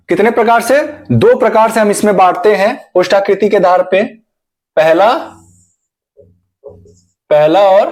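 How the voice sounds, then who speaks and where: A man teaching an exam-prep grammar lesson, asking questions and answering them himself while repeating each key term. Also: high voice. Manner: addresses viewers as friends.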